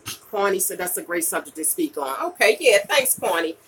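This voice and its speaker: Chatting live with viewers, this vlogger and podcaster, a woman in her late forties, hands out frank, slangy advice and drives it home through repetition, often adding "okay?" or "you know." She speaks at normal speed in a fairly bright, medium-pitched voice with big swings in pitch. The mic sits at a distance, with slight background noise.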